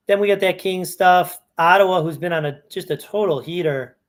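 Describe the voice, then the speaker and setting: A man's voice: sits high, moderate pace. A man talking through fantasy hockey lineups in a casual walkthrough, thinking aloud and correcting himself as he goes. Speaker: fantasy sports analyst. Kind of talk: casual screen-share walkthrough.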